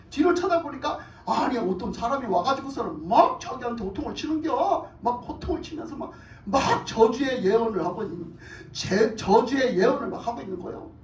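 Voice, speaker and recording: A woman's voice: sits high, reverberant, recorded from a distance, rough recording. A woman preacher telling a Bible story in a colloquial sermon, often asking the congregation questions. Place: church hall.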